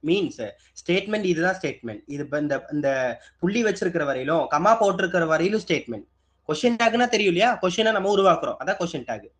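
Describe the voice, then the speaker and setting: A man with a high, animated voice and a fairly bright tone talks fast while teaching an exam-prep grammar lesson. He keeps asking his students questions, answering them himself, and repeating the key points.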